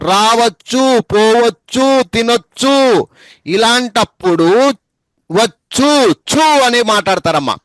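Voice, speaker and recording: A man's voice: sits high, a bit bright, no echo. A male English teacher, patiently spelling words letter by letter and repeating them for his students. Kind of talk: spoken English lesson over a group call.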